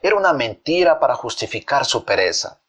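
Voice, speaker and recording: Man, storyteller, children's fable, expressive, mid pitch. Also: fairly quick. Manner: expressive, addresses listeners.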